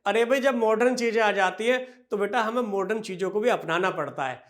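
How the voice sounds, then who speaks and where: A high-pitched, slightly bright-voiced man gives an accounting lecture in classroom style, fondly addressing students. He poses questions and answers them himself, slowing into a drawn-out delivery when dictating entries.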